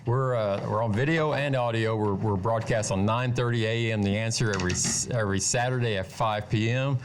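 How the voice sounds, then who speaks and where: A man hosting a radio interview show, chatty and halting, often repeating words as he talks. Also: on the low side, noisy background. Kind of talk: casual interview.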